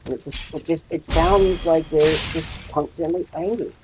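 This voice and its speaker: A man's voice: on the high side, steady tone, normal speed, noisy background. A man with a thick Australian accent, telling stories in easygoing casual chat. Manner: easygoing storyteller. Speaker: guest.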